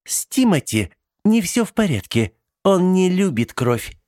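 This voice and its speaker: High, lively, gloating teen girl, mocking, lecturing, storybook, a man voicing her. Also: measured pace, no echo, studio quality. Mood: gleeful taunting. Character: sharp-tongued teenage vampire girl, gleeful tattletale.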